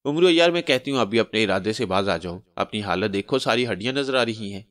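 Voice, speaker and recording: A man's voice: fairly low pitch, lively intonation, fairly quick, a bit bright, no echo, studio quality. A man voicing a noblewoman wife who mocks and scolds. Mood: teasing. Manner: mocking, scolding. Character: teasing then stern noblewoman wife.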